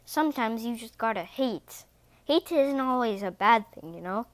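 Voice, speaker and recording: A woman's voice: fairly high pitch, lively intonation, moderate pace, no echo, natural voice. A woman voicing a grumpy, bitter cat father who scolds in a sour way in a read-aloud storybook.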